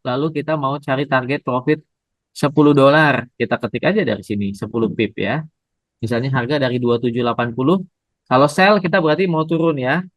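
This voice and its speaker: Seorang pria membawakan pelajaran trading daring secara langsung, sabar menjelaskan dan menyapa pendengar dengan "Bapak Ibu". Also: male voice, mid-range voice, fairly bright tone, no echo, low-quality recording. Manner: patient, addresses audience as Bapak Ibu. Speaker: trading instructor. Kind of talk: live online trading lesson.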